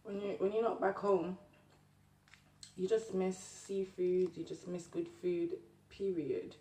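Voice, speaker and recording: A young woman with a Jamaican accent chats casually to her viewers over a meal, chewing while she talks. Her voice is soft-edged and mellow. It is picked up from some distance in a roomy space, with faint noise behind it. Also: on the low side, fairly even intonation, slow pace. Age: young adult. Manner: chewing while talking, with mouth often full. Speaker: mukbang vlogger. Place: small indoor room at a table.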